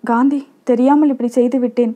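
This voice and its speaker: A woman's voice: fairly high pitch, fairly even intonation, fairly quick, dark tone, lightly acted. A woman reading as a mischievous young village boy. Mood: pleading.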